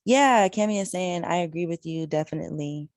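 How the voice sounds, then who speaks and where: A woman's voice: fairly low pitch, brisk, a little mellow, no echo, clean studio sound. A woman interpreting a signed discussion aloud, relaying each speaker in the third person with frequent fillers. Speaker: sign language interpreter. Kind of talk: voicing signed conversation.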